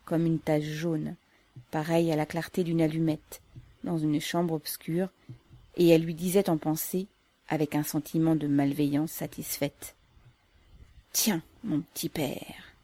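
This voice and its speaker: A woman narrating a classic novel as an audiobook, measured and even. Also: deep voice, no room sound. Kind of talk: scripted narration.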